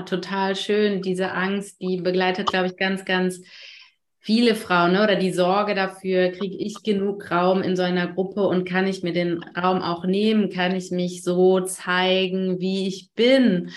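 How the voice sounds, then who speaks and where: Soft-spoken woman host, gently affirming. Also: fairly low pitch, level tone, slow, a little hiss or hum. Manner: gentle, reflective, affirming with frequent "ne?". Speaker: podcast host. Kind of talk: warm interview conversation.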